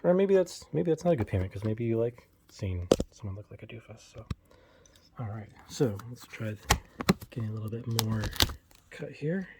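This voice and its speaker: There's a noisy background as a collector vlogger, a man in his thirties with a lowish voice, unboxes collectibles in his home game room. He talks casually to the phone he holds in one hand, peppering his chat with fillers and jokes about himself.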